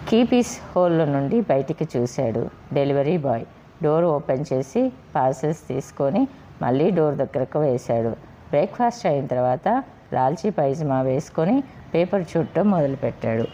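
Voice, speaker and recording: A woman narrating a story in a steady, expressive storytelling manner. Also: sits low, moderate pace, slight background noise.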